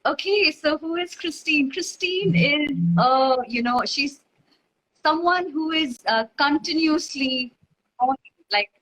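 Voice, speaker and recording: A woman from Dubai chats as an interview guest, her voice sitting high and light. She rambles cheerfully, piling up fillers and circling back on her own sentences. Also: takes it slowly, a bit bright, poor audio. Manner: rambling, bubbly, many fillers and self-corrections. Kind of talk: casual chat.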